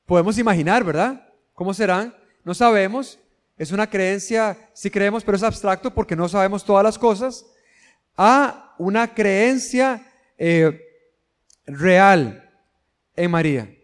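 A man's voice: high voice, a little slow, long reverb tail. A man preaching a sermon, speaking earnestly, questioning his listeners directly and building to emphatic peaks.

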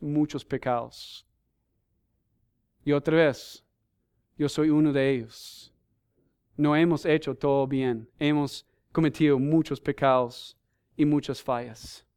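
A man's voice: on the high side, a little mellow, clean tone. A man preaching a sermon as a missionary, speaking earnestly and emphatically, putting questions to the congregation and listing numbered points with scripture references.

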